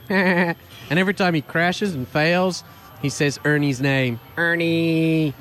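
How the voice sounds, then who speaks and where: A man's voice: fairly high pitch, steady tone, slow, a bit bright. A man co-hosting a tech news podcast, wry and teasing, correcting his co-host. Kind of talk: casual tech news chat.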